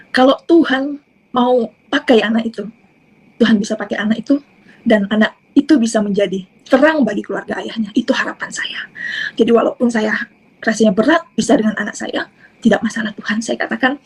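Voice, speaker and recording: A middle-aged woman tells her personal testimony in an earnest, halting way, with many pauses and restarts. Her voice sits fairly high and has a husky, breathy edge. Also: rough recording. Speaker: testimony speaker.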